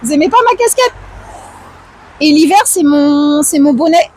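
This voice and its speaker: A woman with a hoarse, tired voice, chatting casually and answering viewers on an outdoor livestream. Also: sits high, lively intonation, moderate pace, darkish tone. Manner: chatty, slangy, reads out and answers chat. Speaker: live streamer chatting with viewers. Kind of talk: casual chat, IRL livestream. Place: outdoors, walking through town streets.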